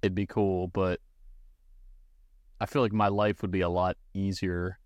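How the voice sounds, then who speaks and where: Male podcast co-host, low voice, dry close sound, easygoing, laughs a lot, pushes back. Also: unhurried, no room sound. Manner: laughs easily, debates back in a relaxed way. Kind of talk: casual chat.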